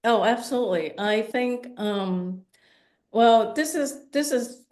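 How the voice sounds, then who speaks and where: A woman in her fifties from Hong Kong, a visual artist, answers questions during a conversational artist talk. Her voice is fairly high, slow, and a little mellow, and she thinks aloud, correcting herself as she goes.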